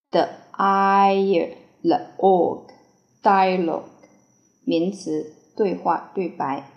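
Slow, low-voiced woman drilling vocabulary, echoey. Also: lo-fi sound. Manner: repeats each word slowly, then gives part of speech and meaning. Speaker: English vocabulary teacher. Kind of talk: word-by-word spelling and dictation drill.

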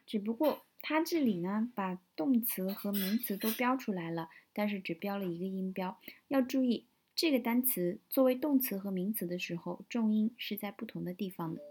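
A woman teaching English vocabulary from a news story, explaining words step by step, spelling them out slowly and repeating them. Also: medium pitch, a little mellow, slight background noise, poor audio.

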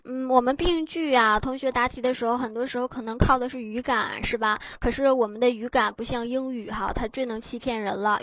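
A woman's voice: on the high side, a bit bright, dry recording, highs cut off. Dry-voiced woman teaching an exam class. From China. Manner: explains patiently, tags phrases with "ha" and "hei". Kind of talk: exam-prep lecture.

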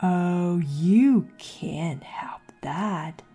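A slow, drawling, grinning cat, as a woman puts it on. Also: lowish voice, breathy edge, soft background music, heavily acted. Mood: teasing. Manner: slow, drawn-out, teasing delivery with hushed whispered words. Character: sly grinning cat, riddling and unbothered. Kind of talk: storybook reading.

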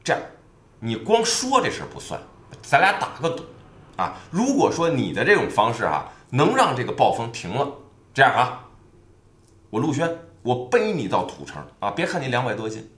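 A man's voice: medium pitch, huge pitch swings, moderate pace, a bit bright. A man voicing a brash, boastful male police captain who issues a challenge, recorded with a roomy echo. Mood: challenging.

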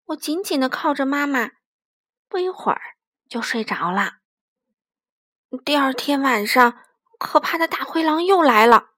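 Woman reading a kids' picture book aloud, gentle, dry close sound. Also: high voice, animated, measured pace, pauses often, dry recording. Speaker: storyteller.

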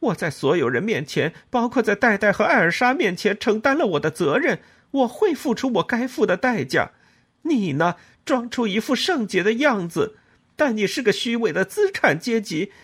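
A man's voice: medium pitch, huge pitch swings, normal speed, hardly any pauses, slightly rough, heavily acted. A man voicing a haughty, cold older mother-in-law in an audiobook. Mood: indignant.

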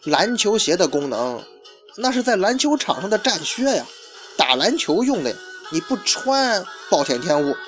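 A man's voice: high-pitched, very animated, normal speed, faint music behind. A man voicing a proud, touchy mustached shoe-shop owner in a storytelling retelling, with flustered, indignant outbursts. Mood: grumbling.

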